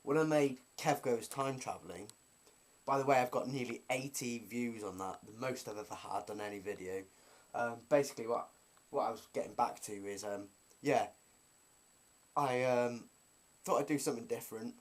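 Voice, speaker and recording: A man's voice: medium pitch, normal speed. A man chatting casually to his viewers as a vlogger, in a rambling, self-deprecating way.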